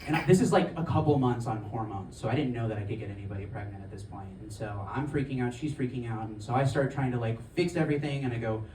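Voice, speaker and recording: A man's voice: medium pitch, quick pace, few pauses, a little mellow, slight background noise. A man performing a stand-up comedy set on stage, telling stories in a rambling, conversational way with lots of filler words. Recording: echoey room, mic at a distance.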